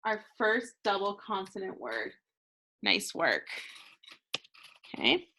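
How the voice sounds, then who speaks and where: Teaching phonics to second graders, an American woman speaks slowly in a bright, crisp, medium-pitched voice with big swings in pitch. She's patient and encouraging, pausing so the kids can answer, and there's a little hiss or hum on the recording.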